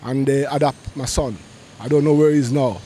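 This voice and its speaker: In a street vox pop on a busy city street, a middle-aged man with a steady, dark, mid-range voice talks a little fast about a painful personal matter. His urgency shows in repeated restarts, and the close handheld mic picks up faint traffic and street ambience.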